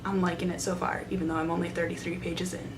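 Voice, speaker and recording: A woman's voice: level tone, quick pace. A young adult woman chatting casually and enthusiastically to camera as a book vlogger, recorded on a handheld camera in a small room. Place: small side room in a library, indoors. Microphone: camera at arm's length. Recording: noisy room with low rumble.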